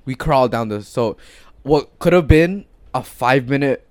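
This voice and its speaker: A young man co-hosts a laid-back podcast with his friends. He tells stories in a slangy, animated way, and his voice sits in a middle pitch. The sound is dry and close, with no room echo. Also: unhurried. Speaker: podcast co-host. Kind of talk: casual chat among friends.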